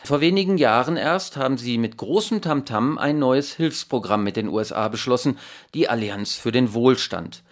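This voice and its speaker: A male radio reporter reads a scripted news feature in a medium-pitched voice. His delivery is measured and emphatic, like a prepared report.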